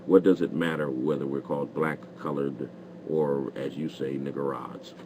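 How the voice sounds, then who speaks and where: Deep voiced guy hosting talk radio, challenging questions, repeats himself, noisy recording. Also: steady tone, normal speed. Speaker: radio call-in show host. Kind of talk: live call-in debate.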